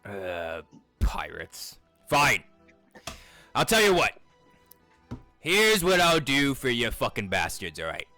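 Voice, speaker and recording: A man playing a gruff, foul-mouthed dwarf shipwright. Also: medium pitch, huge pitch swings, slow, long pauses, bright, forceful tone, faint music behind, heavily acted, rough recording. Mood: grudging. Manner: blunt and crude, swearing often.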